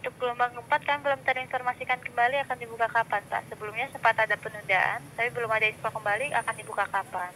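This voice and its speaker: Brisk, bright female customer service agent. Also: a little high, steady tone. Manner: polite, formal customer service voice. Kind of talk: scripted customer service phone talk. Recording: phone call recording with clear background noise.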